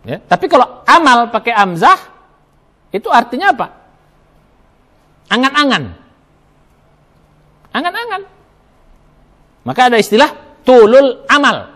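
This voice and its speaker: A male preacher gives a Ramadan sermon in a mosque, his voice pitched high and leaping up and down as he stresses each point. He spells out Arabic letters one by one and asks his listeners questions that he then answers himself. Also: very animated, a little slow, long pauses, pushed and bright. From Indonesia.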